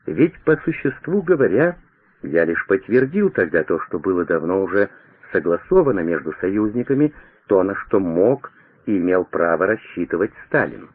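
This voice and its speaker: An aging president, urgent and commanding, firing off insistent questions, as a man reading the story voices him. The voice is low and husky, squeezed through a narrow radio band. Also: lively intonation, normal speed, dry recording. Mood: explaining. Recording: tinny radio broadcast.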